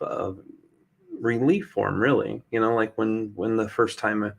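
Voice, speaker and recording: A man's voice: fairly low pitch, creaky, fairly bright tone. A man hosting a podcast in casual interview chat, reflective and affirming, reading out listener questions. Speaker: podcast host.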